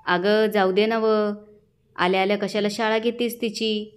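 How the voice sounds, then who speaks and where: A mild middle-aged husband coaxes his wife to drop the quarrel, as a woman reads his part. He sounds soft and placating. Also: medium pitch, moderate pace, clear, resonant tone, soft background music, lightly acted. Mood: soothing. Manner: soothing, trying to calm things.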